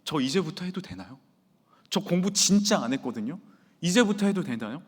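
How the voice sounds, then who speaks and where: A man's voice: on the high side, big pitch swings, a little fast, slightly rough, big-room sound. A male pastor quoting an eager teenage schoolgirl. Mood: earnest. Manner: earnest, pleading. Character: eager, humble teenage girl student.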